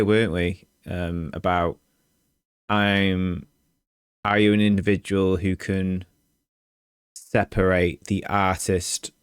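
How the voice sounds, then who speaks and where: Very deep male podcast co-host, measured and reflective, dry close sound. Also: clear, resonant tone, dry recording. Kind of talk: casual chat about game music.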